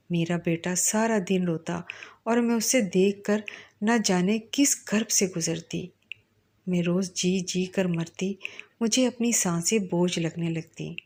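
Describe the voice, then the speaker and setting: A woman's voice: fairly low pitch, darkish tone. A young adult woman narrating an emotional first-person story.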